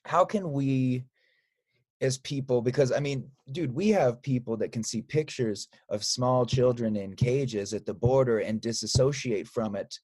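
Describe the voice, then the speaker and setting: A man hosting a podcast, chatting casually in a relaxed, laid-back way. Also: mid-range voice, measured pace, slightly rough. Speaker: podcast host. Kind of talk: casual chat.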